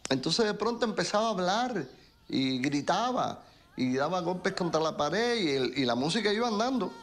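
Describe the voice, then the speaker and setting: A man giving expressive commentary in a documentary interview. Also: high-pitched, normal speed, slight background noise.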